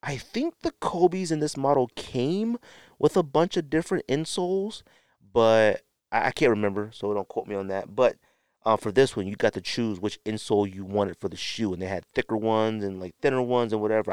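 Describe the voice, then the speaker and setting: On a sneaker podcast, the male host shows things off to the camera in a casual, unscripted way, rambling slightly and fixing his own wording as he goes. His voice sits on the low side with a clean tone. It's a dry, studio-quality recording.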